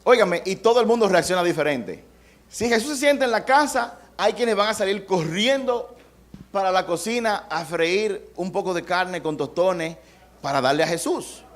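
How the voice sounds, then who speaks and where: A middle-aged pastor delivers a sermon in a conversational, storytelling way, acting out what people say and mixing in humor. His voice sits somewhat high for a man. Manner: conversational preaching with acted-out quotes and humor.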